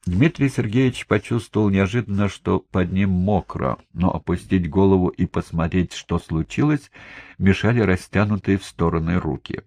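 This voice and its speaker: A man narrating an audiobook in a steady, grave storytelling manner. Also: deep voice, moderate pace, no room sound.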